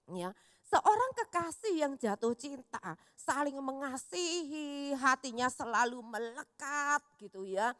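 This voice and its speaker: A woman pastor giving a sermon in an animated, storytelling way, often calling her listeners "saudaraku" and acting out the voices in her stories. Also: sits high, takes it slowly, no room sound, clean studio sound, big-room sound. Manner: acts out quoted voices in her telling. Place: church hall.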